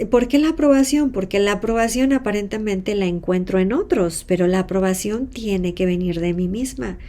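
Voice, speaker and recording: A woman's voice: medium pitch, warm tone. A Mexican woman teaching self-help, telling stories expressively, acting out the people she quotes and sometimes dropping to a whisper. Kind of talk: teaching talk with role-played examples.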